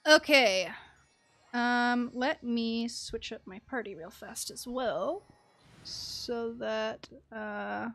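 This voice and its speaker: A woman streamer draws out her words in a high-leaning, somewhat bright voice as she plays a game. Chatty and thinking aloud, she mutters to herself while reading, with music in the background.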